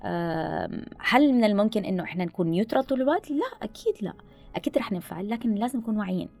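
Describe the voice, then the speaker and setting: A woman talks very fast, with a gravelly, fry-tinged edge to her voice. She gives animated advice in podcast conversation and drops in English phrases. Faint music sits under her voice. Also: mid-range voice. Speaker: guest speaker on listening skills.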